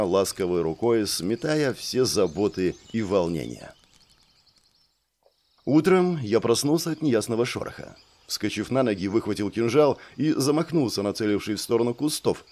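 Male audiobook narrator, low voice, dry ironic first-person telling. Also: a little mellow.

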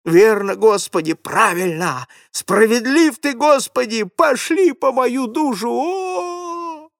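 A man voicing a guilt-ridden old grandfather who cries out hoarsely and pleads with God. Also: mid-range voice, expressive, a little slow, dry recording, studio quality. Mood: wailing. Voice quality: hoarse, wailing.

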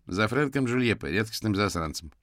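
A man voicing a cheerful, brash male private investigator in an audiobook, breezy and quick to snap back. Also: fairly low pitch, animated, a bit bright, no room sound, studio quality.

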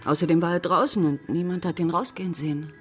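An actress voices a loyal, plain-spoken older widow testifying as a witness in a German radio drama, giving frank, matter-of-fact answers. She speaks fast in a fairly low, steady, natural voice, with soft music underneath.

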